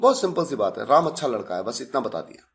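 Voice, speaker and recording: A man with an Indian accent teaching a slow explanatory English lesson, spelling out examples slowly. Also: mid-range voice, very animated, fairly bright tone.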